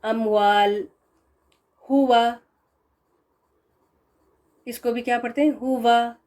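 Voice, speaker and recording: A woman teaching Quran pronunciation, drawing out each example sound slowly and explaining common mistakes. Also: fairly high pitch, steady tone, darkish tone. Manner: slow, drawn-out demonstration of sounds. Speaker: tajweed teacher.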